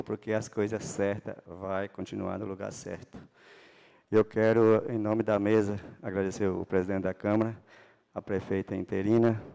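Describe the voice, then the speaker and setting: A middle-aged city councilman from Paraná, Brazil delivers a political speech to a council chamber, handheld microphone in hand, in a lowish, slightly mellow voice. Speaking with religious fervor, he builds to emphatic bursts, and the sound reflects a large indoor hall.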